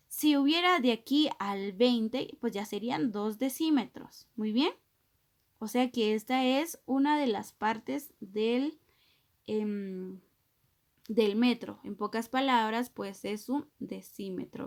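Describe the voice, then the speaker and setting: A woman teacher giving a recorded math lesson to children, explaining patiently step by step and often checking "¿verdad?". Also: fairly high pitch.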